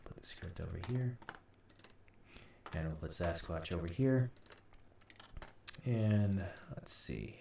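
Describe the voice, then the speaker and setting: Working at his computer in an indoor room, a deep-voiced host and audio drama sound designer gives a loose tutorial, musing aloud in fits and starts with an expressive delivery and some vocal fry. His voice comes across soft and dark, slightly distant and roomy, over typing, clicking and a faint hiss.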